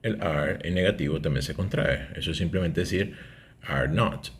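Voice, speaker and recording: A man's voice: sits low, brisk, a little hiss or hum. A man, teaching an English grammar lesson and explaining step by step, often checking in with "¿ok?".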